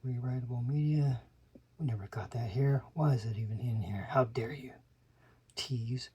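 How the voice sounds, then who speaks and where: A channel host pages through an old magazine, reading ad slogans aloud and tossing in dry, muttered asides, now and then dropping to a whisper. His voice is medium in pitch, dark and slightly rough, at a normal speed.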